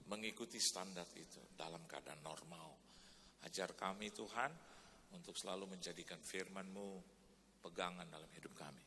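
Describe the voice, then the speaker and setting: A man preaching as a pastor, telling a story in animated sermon style and then leading a prayer. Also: deep voice. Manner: animated storytelling, shouting greetings in quoted voices. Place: large church hall. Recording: reverberant church hall, faint noise.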